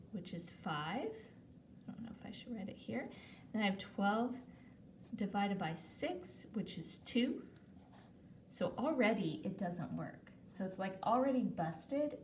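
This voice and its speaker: A woman teaching math in a recorded video lesson, talking at an unhurried pace and chatting as she works through problems, often correcting herself. She sits a little back from the mic. The room is echoey, with faint ambient noise behind her. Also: medium pitch, darkish tone, distant mic. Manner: chatty, talks while writing, self-corrects.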